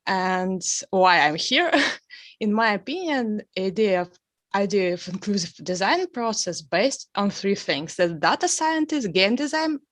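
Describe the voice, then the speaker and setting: A woman's voice: mid-range voice, expressive, a little slow, dry recording. A woman from Russia, an architect in game design, introducing herself on a video call with nervous little laughs. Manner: nervous laughs between phrases.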